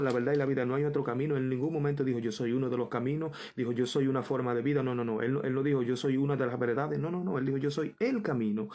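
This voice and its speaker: A man's voice: mid-range voice, a little mellow. A man preaching a Bible study, reading verses aloud and repeating them for emphasis while calling the listeners brother.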